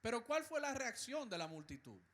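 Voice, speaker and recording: A male pastor with a Dominican accent preaching a sermon, slow and emphatic, with dramatic pauses and hushed, gentle passages. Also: extremely high pitch, sing-song. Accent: Dominican Spanish.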